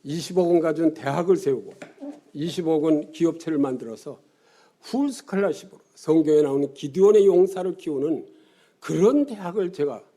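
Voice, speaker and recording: Older pastor preaching, animated and mellow. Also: male voice, on the high side. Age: 70s. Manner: animated storytelling with sudden drops. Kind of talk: sermon.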